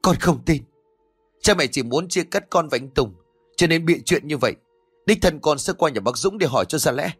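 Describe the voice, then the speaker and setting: A man's voice: lively intonation, normal speed, slightly rough, faint music behind. A man voicing a pleading young village woman. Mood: disbelieving. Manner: pleading, high and strained.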